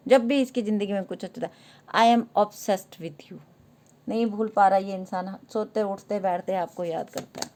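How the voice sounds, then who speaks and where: A woman's voice: on the high side, darkish tone. A woman giving an earnest, emphatic tarot reading to her viewers, mixing English card phrases into her talk. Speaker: tarot reader.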